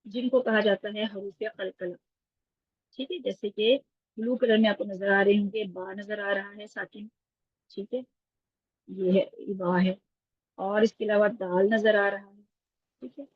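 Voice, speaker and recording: A woman's voice: medium pitch, fairly even intonation, long pauses, breathy edge, dry recording. A woman teaching Quran recitation in an online class, explaining patiently step by step and checking in with her students. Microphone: video call. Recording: dull lo-fi online call audio.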